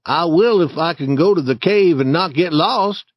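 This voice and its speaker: A man's voice: moderate pace, no room sound, natural voice. Timid nervous boy, as a man voices him. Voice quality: slightly raised pitch. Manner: hesitant, stammers when scared. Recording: dry, slightly dull recording.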